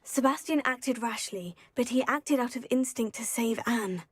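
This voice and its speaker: An actress voicing a composed, earnest young student witch in a video game, speaking in a measured, polite way. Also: on the high side, close to an everyday voice. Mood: earnest, calm.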